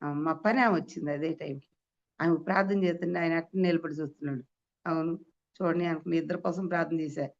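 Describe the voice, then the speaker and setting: A woman preaches an Easter sermon to a women's meeting, sharing testimony full of emphatic rhetorical questions and sudden high exclamations. Her tone stays steady and her pace is quick. The recording sounds dull and lo-fi.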